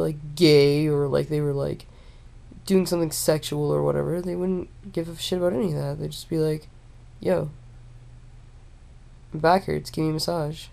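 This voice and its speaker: Young woman vlogger, low gravelly voice, dark and mellow, meandering stoned monologue. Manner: meandering, halting, with frequent fillers and restarts; relaxed, stoned drawl. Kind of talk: rambling casual monologue to camera.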